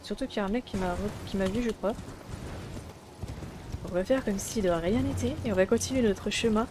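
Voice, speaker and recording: A woman's voice: mid-range voice, a little fast, background noise. A woman streamer giving casual let's play commentary, chatty and exclaiming often as she talks to her viewers and to the characters on screen. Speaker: gaming streamer. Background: game music.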